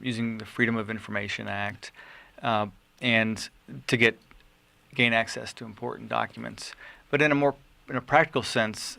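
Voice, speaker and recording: A man hosting a panel interview with journalists, speaking in a measured way with many fillers and restarts. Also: lowish voice, creaky, sharp tone. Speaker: radio show host.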